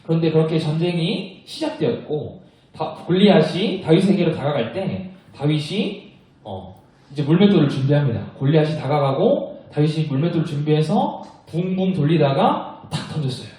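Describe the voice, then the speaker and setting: A young man preaching to children, telling a Bible story in a lively way and asking the kids questions as he goes. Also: fairly high pitch, moderate pace, far from the mic. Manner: animated, asks children questions. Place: church worship room. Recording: echoey room, voice from afar.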